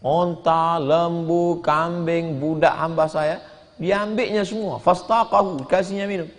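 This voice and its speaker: A man teaching a religious study class, telling a story with lively pitch swings, quoting Arabic lines and translating them. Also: measured pace. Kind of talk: sermon. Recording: long hall reverb.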